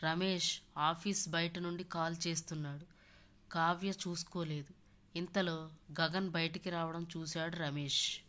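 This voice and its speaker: Woman, storyteller, audio story narration, steady, slightly low pitch. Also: unhurried.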